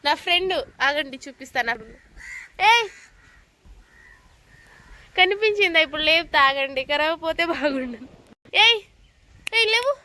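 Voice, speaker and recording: A woman's voice: sits high, lively intonation, a little slow, long pauses, pushed and bright. A woman vlogger chatting casually at home in a playful, teasing, coaxing way. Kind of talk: casual home vlog chat.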